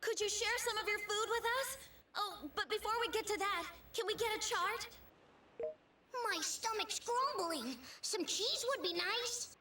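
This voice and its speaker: A woman voicing a hungry, boyish young male game character with a very high, helium-like voice. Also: lively intonation, measured pace, sharp tone, echoey room, recorded from a distance, a little hiss or hum, full character voice. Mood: pleading.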